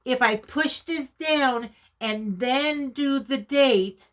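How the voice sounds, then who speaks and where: A woman vlogger chatting casually while demonstrating her journaling supplies, chatty and quick to laugh at herself. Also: sits high. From Canada. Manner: chatty, self-deprecating, exclaims often. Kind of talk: casual craft vlog demonstration.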